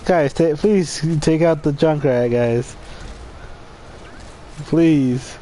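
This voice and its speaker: A man co-casting a live esports match in a relaxed, conversational way. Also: fairly high pitch, drawn-out words, slight background noise, low-quality recording. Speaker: co-caster. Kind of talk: live game commentary.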